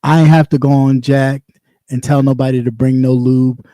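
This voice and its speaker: This former radio host, now running a livestream, has a light, mellow voice at medium pitch with little movement, delivered at normal speed in a dry recording. He rants bluntly, casually and sassily, circling back and repeating himself.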